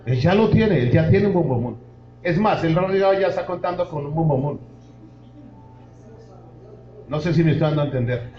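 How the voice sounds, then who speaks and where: Impassioned pastor preaching in an echoing church. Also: male voice, a little high. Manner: impassioned preaching, addresses the congregation directly. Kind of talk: sermon. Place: church hall. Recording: roomy, dull church recording.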